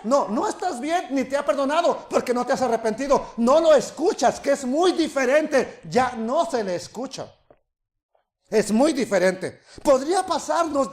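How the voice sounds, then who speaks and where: A man preaching a sermon to his congregation, animated, acting out little dialogues and swinging between loud and quiet. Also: very high voice. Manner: animated preaching, acts out voices, rises and drops in volume.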